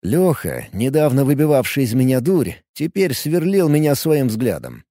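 A man reading a first-person story aloud in a lively storytelling way. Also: mid-range voice, normal speed, dry recording, studio quality. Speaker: audiobook narrator.

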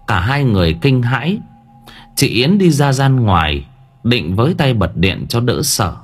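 A man's voice: mid-range voice, big pitch swings, a little slow, slightly rough. A man narrating a horror story in a dramatic storytelling manner. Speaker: audiobook narrator. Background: faint background music.

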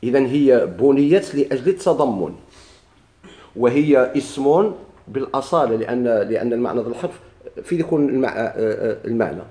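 A man with a Moroccan Arabic accent teaches a grammar class at a quick clip. He keeps firing questions at his students and answering them himself. His voice is mellow and a little dark, and it carries an echo from the room. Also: mid-range voice, expressive. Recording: echoey room.

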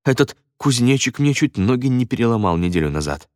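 A man voicing a weary middle-aged father who speaks quietly and hesitantly. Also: medium pitch, very animated, fairly quick, dry recording, clean studio sound, natural voice. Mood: subdued.

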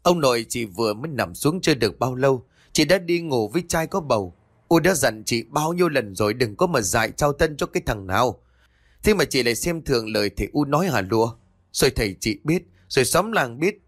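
A man's voice: medium pitch, no echo, studio quality. A man voicing a stern, furious old village mother who scolds harshly through gritted teeth.

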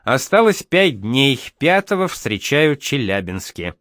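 A man reads old letters and telegrams aloud in a mid-pitched voice. His delivery swings widely and expressively. The recording is dry and close. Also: very animated, a little slow, a bit bright, dry recording. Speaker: reader.

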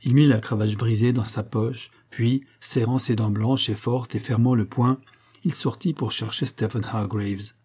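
A male audiobook narrator reading a classic novel with measured, steady delivery. His voice is husky and dark, mellow rather than bright. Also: mid-range voice. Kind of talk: scripted literary narration.

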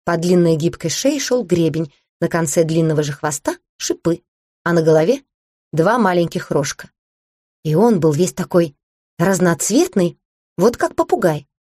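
A woman reading a first-person fantasy story aloud in a lively, amused and expressive way. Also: lowish voice, moderate pace, no echo, clean studio sound. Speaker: audiobook reader.

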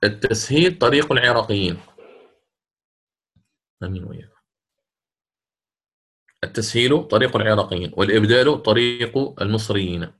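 A man teaching Quran recitation in a recorded lesson. He explains each rule step by step and chants short verse examples slowly. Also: lowish voice, lively intonation, a bit bright.

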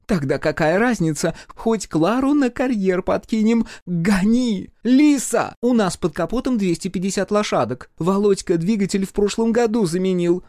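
A man voicing a bold, pushy elderly aunt with an excited manner. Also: high-pitched, moderate pace, hardly any pauses, no room sound, studio quality, pitched above the performer's own voice, close to an everyday voice. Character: reckless bold elderly aunt urging speed.

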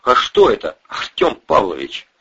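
A man's voice: lowish voice, wildly swooping pitch, normal speed, bright, forceful tone, breathy edge, muffled recording, exaggerated voice. A man voicing a frightened young male bandit who begs and pleads timidly, on an audiobook. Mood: pleading.

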